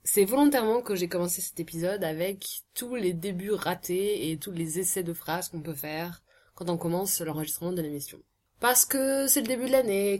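A woman with a rather low voice hosts a podcast episode. She talks in a loose, chatty way and keeps stumbling over fillers as she lays out what is coming. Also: a little mellow. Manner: chatty, hesitant, with frequent fillers. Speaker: podcast host and editor. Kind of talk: casual spoken introduction.

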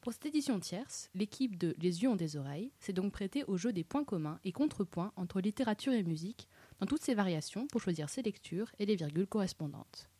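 A woman's voice: mid-range voice, animated, brisk, dark tone, breathy edge, dry recording. A woman hosting a literary podcast, introducing it in a wry, self-mocking and playful way. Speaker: podcast host.

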